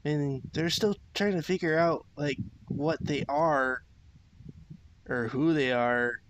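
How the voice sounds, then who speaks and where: A man co-hosting a casual fan discussion in a relaxed way, laughing often. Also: fairly high pitch, takes it slowly, slight background noise. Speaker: podcast co-host.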